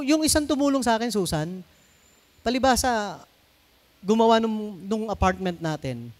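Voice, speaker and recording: A middle-aged Filipino man preaching a sermon in a conversational way, mixing in English phrases and asking the congregation to answer him. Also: high voice. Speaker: pastor.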